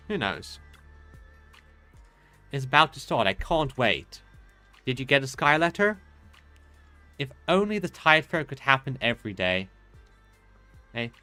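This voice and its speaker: A game streamer with a mid-range, pushed and bright voice gives casual, rambling commentary while playing, reading dialogue aloud and hesitantly thinking out loud.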